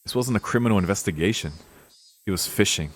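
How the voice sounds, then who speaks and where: Here the streamer's voice sits on the low side, animated and quick. He reads a visual novel aloud while playing it, breaking in with casual, profane remarks that show how invested he is.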